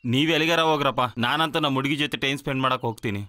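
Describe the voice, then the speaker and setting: A man's voice: medium pitch, very fast, sharp tone, no echo, natural voice. [name], a man playing an earnest young lover. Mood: teasing. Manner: earnest, reassuring. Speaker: lead character. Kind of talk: film acting.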